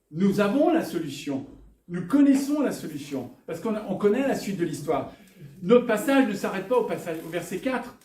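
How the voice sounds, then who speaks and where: Preacher, man, high voice, heard from far off in a reverberant church hall; lively, rhetorical delivery. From northern France. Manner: lively, rhetorical questions, jokes with the congregation. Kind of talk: sermon. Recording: echoey church hall, from afar.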